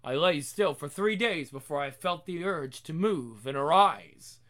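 A man voicing an earnest, misunderstood robot who tells his own sad story in a formal, measured way. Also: fairly high pitch, expressive, a bit bright. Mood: earnest, wounded. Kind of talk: first-person scripted narration.

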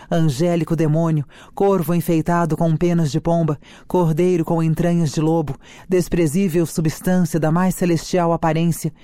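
Reader doing a passionate young noblewoman, slow declamatory delivery, mellow tone, dry sound, read from a play. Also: medium pitch, no echo, natural voice. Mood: anguished. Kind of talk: dramatic reading of a play.

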